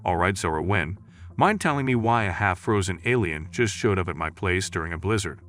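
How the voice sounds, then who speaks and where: A man's voice: low-pitched, animated, fairly quick, a bit bright. A man reading as a flustered, disbelieving young guy. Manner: flustered, incredulous.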